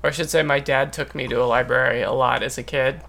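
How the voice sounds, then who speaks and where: A man's voice: medium pitch, steady tone, fast, gravelly, fairly bright tone. A man chatting casually with dry, teasing jokes and a loose, rambling way of talking. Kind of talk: casual chat.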